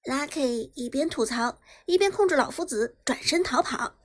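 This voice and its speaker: A woman narrating a web novel chapter in brisk storytelling style, lifting her voice on the action. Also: high voice, lively intonation. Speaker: audiobook narrator. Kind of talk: scripted narration.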